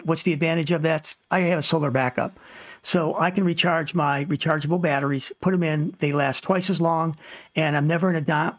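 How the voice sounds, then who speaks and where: The voice is on the high side and recorded with no room sound: a man hosting a ham radio tutorial series, narrating informal instructional slides and giving straightforward, practical advice.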